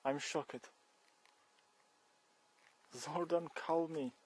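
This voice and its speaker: A young cyclist vlogger from Poland speaks extremely slowly in a fairly high voice with fairly even intonation. On a forest trail and fields, he jokes during a one-sided phone call using broken English with a Polish accent and exclamations of shock. The camera is held close at arm's length, and slight background noise is audible.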